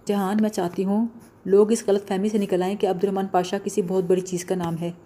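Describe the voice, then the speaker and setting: A woman's voice: mid-range voice, little pitch movement, warm tone, close to an everyday voice. A woman reading an audiobook voices a determined young woman law student, speaking in an earnest, insistent way.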